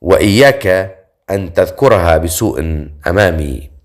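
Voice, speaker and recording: A man's voice: on the low side, fairly quick, close to an everyday voice. A man voicing a stern male master of the forest in an audiobook, speaking with cold, curt warnings.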